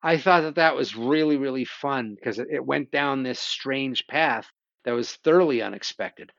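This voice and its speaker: A man's voice: medium pitch, moderate pace, creaky, a bit bright, dry recording, muffled recording. A man hosting a show, casually and animatedly retelling horror stories, swearing now and then. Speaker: podcast host. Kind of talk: casual conversation about horror films.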